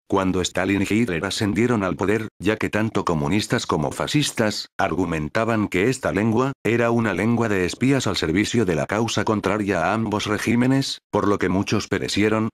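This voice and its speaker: A male text-to-speech voice reading a scripted educational narration in an even, synthetic cadence. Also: lowish voice, moderate pace, hardly any pauses, no room sound, clean studio sound.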